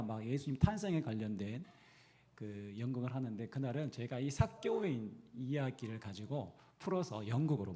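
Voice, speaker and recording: Lively, questioning Korean pastor. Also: male voice, mid-range voice. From Gyeongsang region, Korea. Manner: preaching with questions to the congregation. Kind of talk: sermon. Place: church.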